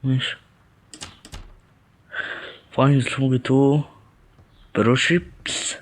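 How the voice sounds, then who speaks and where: A man's voice: fairly low pitch, brisk, husky. A young man with an Egyptian Arabic accent giving horror game commentary, jumpy and talking back to the game, muttering prayers when scared. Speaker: gaming channel host.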